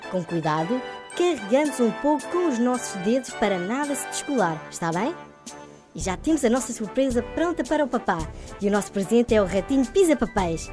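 A woman's voice: medium pitch, lightly acted. A woman voicing a clever, cheerful little boy helper on children's radio, teaching crafts in sing-song European Portuguese.

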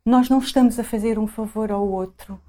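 A woman's voice: a little high, steady tone, fairly quick, dark tone. A woman with a European Portuguese accent, a guest explaining her reflections, repeating phrases for emphasis. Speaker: interview guest.

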